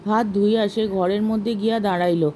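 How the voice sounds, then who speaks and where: A woman storyteller reads a classic short story in a measured, expressive voice. Her tone is mellow and warm, with a middle pitch. She narrates at a steady, even pace. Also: a little hiss or hum, poor audio.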